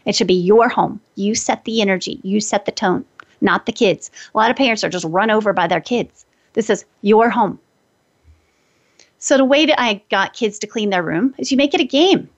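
A woman's voice: moderate pace, dull audio. A woman working as an energy healer who gives casual, upbeat parenting advice and sometimes shifts into a sing-song voice. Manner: upbeat, shifts into a high sing-song voice when quoting what she says to kids.

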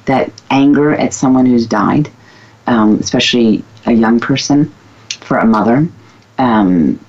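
A woman guest who used to be a physical therapist talks candidly and emphatically in casual conversation, calling herself a loudmouth. Her voice is bass and her pace measured, and the recording is dull and lo-fi.

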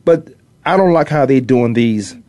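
A man's voice: medium pitch, animated, normal speed, darkish tone, no echo. A middle-aged man from Virginia hosting casual sports talk, opinionated and rambling, repeating himself for emphasis. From Virginia, US East Coast. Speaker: sports talk show host, former pro defensive back.

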